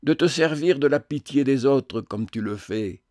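A man voicing a gentle, loving woman who pleads tenderly and earnestly. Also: medium pitch, unhurried, no echo, clean studio sound, lightly acted.

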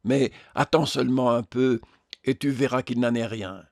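A man voicing a joyful, serene woman from heaven who speaks gently but insists calmly. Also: mid-range voice, normal speed, no room sound, clean studio sound, close to an everyday voice. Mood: gentle. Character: radiant, serene heavenly lady, joyful and firm.

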